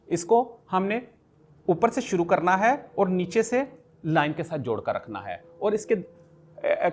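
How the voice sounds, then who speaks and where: A male kindergarten teacher giving an alphabet writing lesson. He talks through each pen stroke step by step and patiently repeats each letter sound several times. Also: on the high side.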